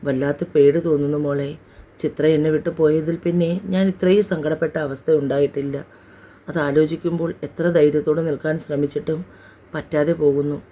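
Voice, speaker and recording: A tender young husband, fearful for his wife, speaks in a subdued and heartfelt way in a storybook drama, read by a woman narrator. His tone is mellow and warm. It stays close to the reader's own voice. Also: low voice, fairly even intonation, moderate pace, a little hiss or hum, close to an everyday voice.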